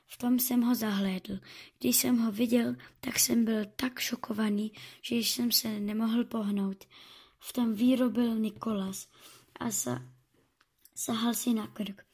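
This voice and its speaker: A woman reading a first-person story aloud, halting and correcting herself as she goes. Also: a little high, fairly even intonation, darkish tone, husky.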